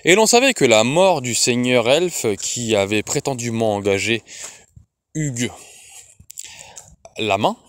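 A man reading a fantasy novel aloud as an audiobook, in a slow, expressive way. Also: mid-range voice, no room sound, studio quality. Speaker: audiobook reader.

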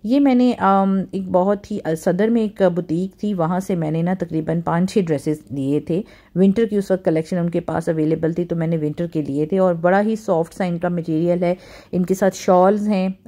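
A woman's voice: on the low side, steady tone, normal speed, mellow. A middle-aged woman from Pakistan, narrating her home vlog in a chatty way, with many fillers and English words mixed in. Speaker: vlogger.

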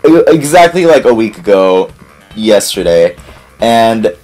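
A man gives rambling, casual commentary over gameplay, turning excitable and swearing whenever things go wrong. His voice sits fairly low and sounds a little strained from a recent bout of voice loss. Game music plays faintly behind him. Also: measured pace. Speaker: let's play host.

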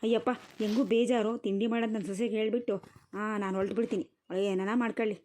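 A woman's voice: medium pitch, steady tone, fast, warm tone, slight background noise, close to an everyday voice. A woman voicing a complaining middle-aged village mother-in-law in a comic cartoon. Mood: chatty. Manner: complaining, sighing, talks to viewers. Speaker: cartoon voice actor.

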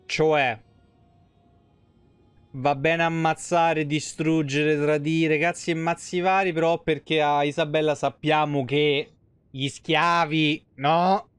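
Soft music plays behind a man in his thirties, a game streamer delivering casual, informal live commentary with crude slang on a close mic. His voice sits a little high, with a level tone and slow pace, clean and free of room sound.

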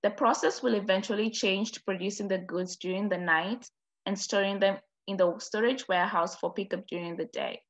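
A woman student presenter reading a formal project overview at a steady pace. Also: medium pitch, normal speed.

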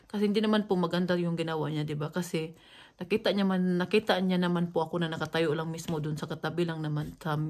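A woman with a Cebuano accent talks straight to her vlog audience in a rambling, indignant storytime. Her voice sits a little low, and she keeps breaking off and restarting her sentences as she retells what happened. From Cebu, Philippines. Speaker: vlogger.

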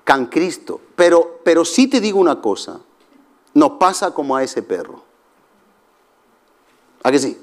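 A middle-aged man preaching a sermon as pastor, telling jokey stories with shouted asides. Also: on the high side, big pitch swings, unhurried, long pauses.

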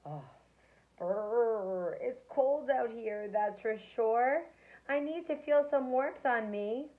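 Woman doing a high, slow, storybook snowman, shivery and cheery, tinny lo-fi audio. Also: animated. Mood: shivering. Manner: drawn-out, loud and high lines. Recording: tinny phone-like sound.

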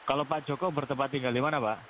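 A man's voice: medium pitch, steady tone, racing, a bit bright. A man on a phone call posing as a police officer. He talks in a formal, polite but pushy way and tags his sentences with "ya". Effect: heard over a phone line. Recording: dull, lo-fi phone line with faint hiss.

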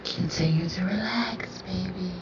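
A young woman speaking slowly in a soft, breathy half-whisper, soothing yet commanding and repeating her phrases. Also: on the low side, music in the background. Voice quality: breathy, often slipping into whisper. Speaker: roleplay audio performer. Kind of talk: whispered hypnotic roleplay ASMR. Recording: roomy, distant, dull lo-fi sound with faint hiss.

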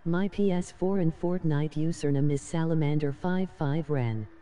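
Low, dark robotic computer voice of a woman. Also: unhurried. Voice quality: synthetic, robotic reading. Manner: monotone, reads every message in the same even tone. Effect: text-to-speech computer voice. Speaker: chat messages read aloud on a stream.

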